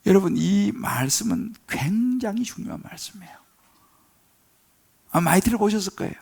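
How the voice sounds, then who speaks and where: A middle-aged male pastor delivers a sermon in a slightly high, gravelly voice. He drags out key words and pushes them louder and higher. Between those peaks he slips into a chatty storytelling manner full of fillers and tag questions. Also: expressive, normal speed. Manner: swells loud and high on key words, drawn out.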